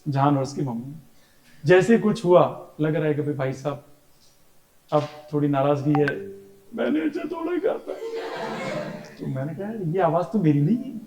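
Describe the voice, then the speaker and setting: Male science teacher in a classroom, kinda high voice, echoey room, chatty and teasing. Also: normal speed. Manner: chatty, teasing, tells stories and mimics family members. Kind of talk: classroom lecture.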